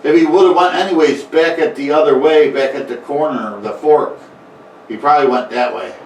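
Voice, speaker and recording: A gruff man who lives in the caves, talking flat and sure of himself in plain, folksy speech. A man plays him in a home tabletop game. The sound bounces around the room, picked up from well away from the mic. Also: fairly high pitch, moderate pace, a little hiss or hum, lightly acted. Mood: blunt. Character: gruff male cave stranger, blunt and sure. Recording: echoey room, mic far off.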